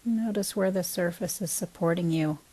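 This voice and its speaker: In a rough recording, a female teacher leads a body scan meditation. Her lowish voice stays calm and gentle, unhurried, with pauses separating brief phrases.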